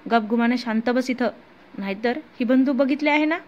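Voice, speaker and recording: A woman voicing a male kidnapper who gives harsh, loud commands, on a muffled lo-fi recording. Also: extremely high pitch, moderate pace. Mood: mocking. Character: gun-wielding male kidnapper.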